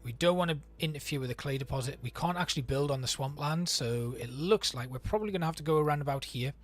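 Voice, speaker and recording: A man's voice: a little high, quick pace, soft background music. A man streaming a city-building game, chatting and thinking aloud as he plays. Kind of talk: let's play commentary.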